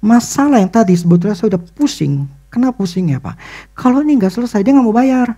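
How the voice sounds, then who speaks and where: A male pastor, preaching a sermon and telling a personal story in animated, excited bursts. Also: high voice, quick pace.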